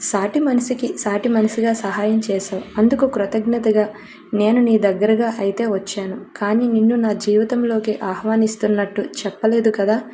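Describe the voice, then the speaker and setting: A woman voicing a proud, bitter young woman who talks in a sharp, scolding way. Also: on the high side, fairly even intonation, moderate pace, a little hiss or hum, natural voice. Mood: angry.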